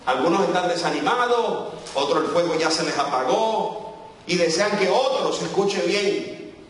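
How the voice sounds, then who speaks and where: A Salvadoran man with a Salvadoran Spanish accent preaches a fervent Pentecostal sermon as a guest preacher, calling out to the congregation with sweeping pitch. His voice is animated and measured in pace. The church sanctuary sounds echoey, with a distant mic and slight background noise.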